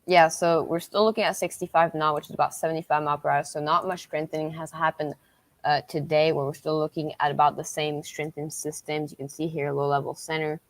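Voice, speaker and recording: A woman hosting a livestream as a weather tracker, talking through storm updates unscripted in a halting, repetitive way. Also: sits low, little pitch movement, no echo.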